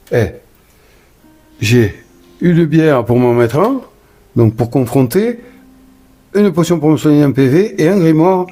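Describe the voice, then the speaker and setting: A man with a warm, mellow voice talks his way through a solo board game, move by move. His manner is chatty and enthusiastic. He sometimes trips over his words and apologizes for rambling. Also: a little high. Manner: stumbles and corrects himself, apologizes for rambling. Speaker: board game player narrating a solo playthrough. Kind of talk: casual solo game commentary.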